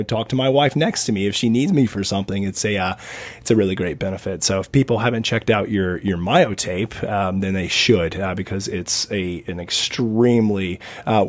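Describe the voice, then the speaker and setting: A man with a hoarse smoker's rasp, talking casually and a little ramblingly as a podcast host. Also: on the low side. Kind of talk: casual conversational podcast talk.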